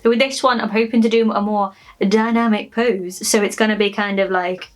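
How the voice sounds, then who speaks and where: A woman's voice: medium pitch, steady tone, fairly quick, faint music behind. A woman hosting a clay sculpting channel, talking through a tutorial in a chatty, rambling way, her voice stuffy from a lingering chest infection. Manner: chatty and rambling, with frequent asides. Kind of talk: casual tutorial talk.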